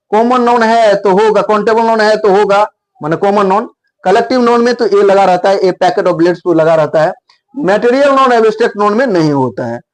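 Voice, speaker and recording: Man, high-pitched voice, grammar teacher, emphatic, repeats himself, spells out letters. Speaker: English teacher. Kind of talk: explaining grammar in Hindi, writing on a board.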